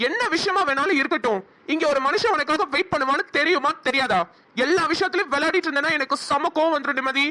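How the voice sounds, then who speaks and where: A woman voicing a hot-tempered, scolding young man in a cartoon, angry and rapid. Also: sits high, sharp tone. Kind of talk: cartoon voice acting.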